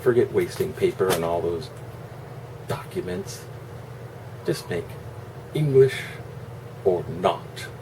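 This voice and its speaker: A man's voice: sits low, big pitch swings, slow, gravelly, pauses often, far from the mic. A man giving a casual, opinionated monologue in a rambling, sarcastic, salty way. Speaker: online video host. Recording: constant air-conditioner hum, noisy room.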